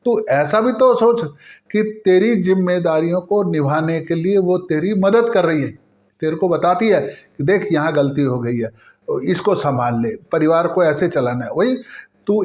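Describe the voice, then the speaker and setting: A man's voice: sits high, a little mellow, lo-fi sound, lightly acted. Figure: a man doing a caring older mother. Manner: patient, earnest lecturing. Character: caring older mother advising her married daughter.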